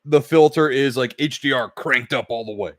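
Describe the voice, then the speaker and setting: A man's voice: medium pitch, moderate pace, dry recording, studio quality. A man co-hosting a gaming podcast, chatting casually, rambling and reading out chat comments with the odd swear word. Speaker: podcast co-host.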